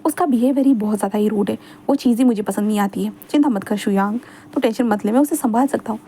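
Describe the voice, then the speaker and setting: A woman's voice: a little high, fast talker, warm tone, slightly rough. A woman voicing a dramatic, clingy young man who pleads, whines and schemes in a read-aloud fan fiction story. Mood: scheming. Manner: whiny, pleading, theatrical.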